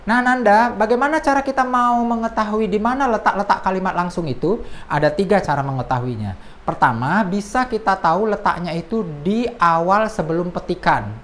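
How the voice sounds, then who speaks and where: A woman's voice: medium pitch, fairly quick, slight background noise. A woman teacher explaining a lesson in an explanatory way, sometimes reading quoted lines in a raised voice. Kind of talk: classroom lesson.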